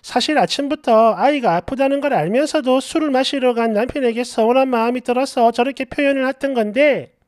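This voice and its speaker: A woman narrating a reader's submitted story in the first person, expressive and acting out the quoted lines. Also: sits high, a little fast, few pauses, no echo, studio quality. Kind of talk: dramatic reading of a reader's story.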